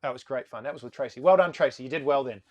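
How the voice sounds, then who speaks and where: Guesting on a relaxed live-stream interview, a sailing charter boss around forty spins lively stories in rapid bursts. His voice sits at a medium pitch, and the sound is lo-fi.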